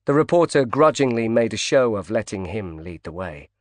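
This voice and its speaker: A man narrating a thriller audiobook in an even, measured reading. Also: on the low side, no echo, studio quality. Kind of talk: scripted narration.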